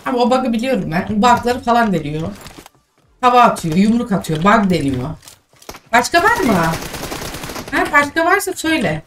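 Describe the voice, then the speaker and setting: A woman's voice: a little high, very animated, fairly bright tone. Exasperated woman streamer, distant mic. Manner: exasperated, scolding, quick remarks. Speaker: game streamer. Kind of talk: live gameplay commentary. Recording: distant mic with game noise.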